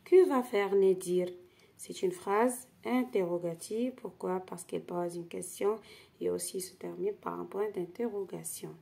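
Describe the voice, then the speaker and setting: A woman teacher explains grammar slowly and patiently and often repeats key phrases. Her voice is low and gravelly with a husky edge. She has a mellow, unhurried delivery. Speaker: French teacher. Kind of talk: explaining grammar exercise corrections.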